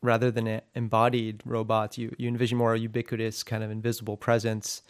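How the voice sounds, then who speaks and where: A man interviewing a guest, asking measured questions with fillers and pauses. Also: lowish voice, monotone.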